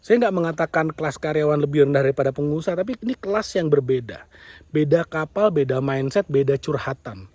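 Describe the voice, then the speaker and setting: A young man gives a motivational monologue about business in a somewhat high voice. He talks emphatically and repeats his points, now and then acting out the complaints of others. The sound is close and dry, with no room around it. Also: animated, a little fast, a little mellow, no room sound. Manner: emphatic, repetitive, acts out quoted complaints.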